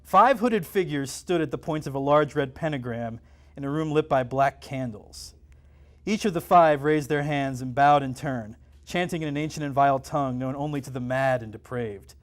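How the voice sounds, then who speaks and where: A man, the author, reading his own novel aloud at a live event in a comic and game shop, narrating with lively drama. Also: medium pitch, normal speed.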